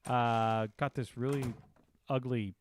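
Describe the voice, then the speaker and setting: A man hosts a casual game livestream from his home, talking in an easygoing, upbeat way. His voice sits at an ordinary middle pitch as he reads viewer comments aloud. A faint hiss of noise sits under the recording. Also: fairly even intonation, slow. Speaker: livestream host. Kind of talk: casual live-stream chat.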